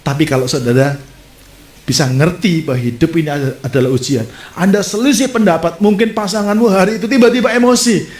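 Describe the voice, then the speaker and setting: A man preaching a sermon as a pastor, telling stories with lively gestures and speaking straight to his congregation. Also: sits high, brisk. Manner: animated storytelling preacher, addresses audience directly. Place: church. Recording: echoey church hall.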